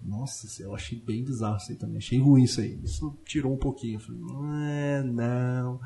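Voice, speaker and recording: A man with a slangy, animated way of talking, co-hosting a casual podcast chat with frequent restarts. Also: mid-range voice, quick pace, gravelly. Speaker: podcast co-host.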